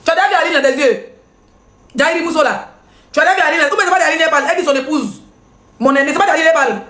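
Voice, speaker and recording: A woman's voice: sits high, fairly bright tone, reverberant. A woman blogger, hosting a live stream and commenting in a mocking, laughing way. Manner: mocking, laughing, rapid back-and-forth with viewers.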